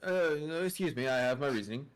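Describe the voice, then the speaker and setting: Lively playful young male player. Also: medium pitch, fast talker, clear, resonant tone. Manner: playful, drawling in-character questioning. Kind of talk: casual tabletop game play.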